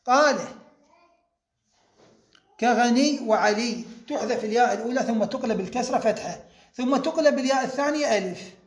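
A man with a very high voice gives a grammar lesson, working through the rules step by step. He repeats key points and slows down to draw out each example. The room around him rings with echo. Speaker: teacher.

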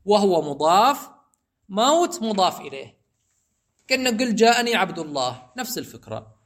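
High, bright-voiced male grammar teacher. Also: big pitch swings. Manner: explains step by step, repeats examples slowly. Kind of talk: Arabic grammar lesson.

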